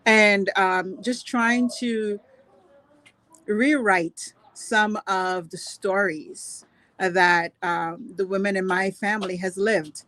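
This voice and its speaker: A woman born in Grenada and raised in Trinidad and Tobago, appearing as a guest speaker on a video call, tells a personal story earnestly and slowly, saying "you know" many times. Her medium-pitched voice has a fairly bright tone and fairly even intonation.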